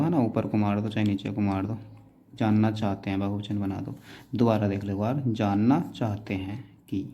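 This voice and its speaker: A man teaching shorthand in a class, explaining each outline step by step and often checking in with quick tag questions. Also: lowish voice, mellow. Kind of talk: classroom explanation while writing.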